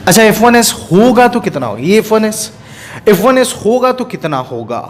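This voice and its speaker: A man's voice: high voice, sing-song, normal speed, slight background noise. A man teaching physics for an exam-prep class, asking questions over and over and answering them himself, mixing in English terms. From India. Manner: mixes Hindi with English terms.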